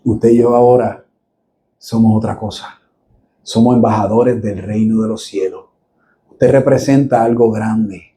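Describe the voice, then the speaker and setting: A man's voice: on the low side, unhurried, slight background noise. A middle-aged man, preaching a sermon to a church and speaking straight to his listeners with humor. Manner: lively, jokes with the congregation, addresses listeners directly.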